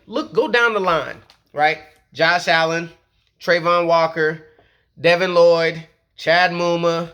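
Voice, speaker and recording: A man's voice: a little high, fairly bright tone. A man recording a casual fan vlog about his football team, talking in a slangy, hyped-up way with lots of "okay?" and "you feel me?". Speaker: sports vlogger.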